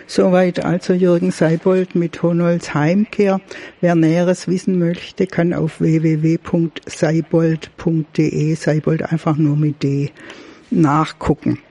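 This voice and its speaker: A man hosting a radio show who announces the next story slowly and easily. His voice is a little high and mellow. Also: flat delivery, creaky. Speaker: radio host. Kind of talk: casual presenting.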